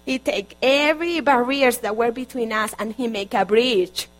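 Sermon voice: Colombian woman, Spanish native, fairly high voice, earnest with many restarts, faint hum behind. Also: normal speed, rough recording. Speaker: guest preacher.

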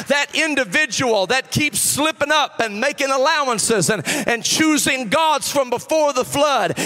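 A man in his forties preaching a sermon, swinging from impassioned shouting and half-sung lines to soft, low, confiding passages. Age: 40s.

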